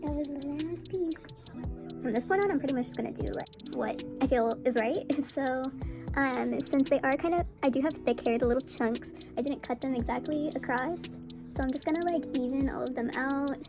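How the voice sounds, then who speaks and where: A woman's voice: high-pitched, moderate pace. Sped-up chipmunk-voiced woman vlogger. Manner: chatty, offhand, rambling. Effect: sped-up chipmunk-like audio. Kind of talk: casual chat to camera. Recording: music playing in background.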